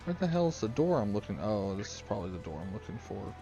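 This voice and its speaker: A man's voice: fairly low pitch, sing-song, fast talker, creaky, warm tone, highs cut off, soft background music. A man hosting a let's play, chatting casually in a rambling, profane, joking way. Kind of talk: casual gaming chat.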